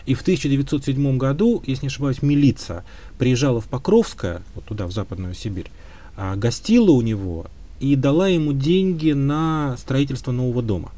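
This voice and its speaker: A man answers an interviewer's questions about history at length, weighing his words and often pausing on filler sounds. His voice has a mellow, warm tone at a middling pitch. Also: lively intonation. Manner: thoughtful, hedging, many filler sounds. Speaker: historian guest.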